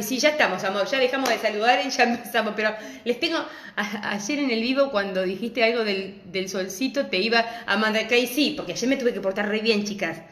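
A woman's voice: fairly high pitch, fairly bright tone. Chatty Argentine woman in an echoey room. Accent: Argentine Spanish. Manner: chatty, affectionate, laughs often. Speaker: crafts teacher hosting a live class. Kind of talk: casual live-stream chat. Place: at home.

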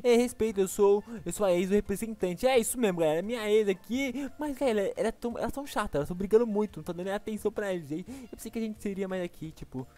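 A man with a Brazilian accent giving excited, exclaiming gameplay commentary as a gaming YouTuber. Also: high-pitched, racing, few pauses. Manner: excitable, exclaiming, laughs often.

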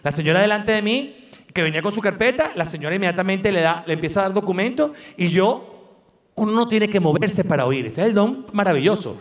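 High-voiced Venezuelan stand-up comedian. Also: male voice, a little fast. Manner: animated storytelling with voices. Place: large live venue. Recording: echoey live venue from far off.

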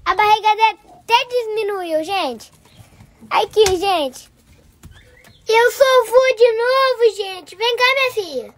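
Casting: a gushing, hoarse old grandpa, very high and squeaky. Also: male voice, takes it slowly, pauses often, a bit bright, a little hiss or hum, full character voice. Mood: doting. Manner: doting, gushing and affectionate. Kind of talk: comedy vlog character.

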